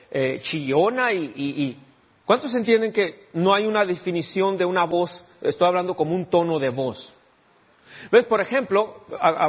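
A man's voice: high voice, breathy edge, highs cut off. A male pastor preaching a sermon, often turning to the congregation with questions. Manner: keeps asking the congregation rhetorical questions.

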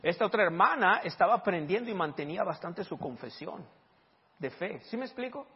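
A man preaching as a pastor, telling stories and acting out the dialogue loudly. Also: high-pitched, a little fast, husky. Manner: animated, acts out dialogue loudly. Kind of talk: sermon with storytelling. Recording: dull reverberant hall recording.

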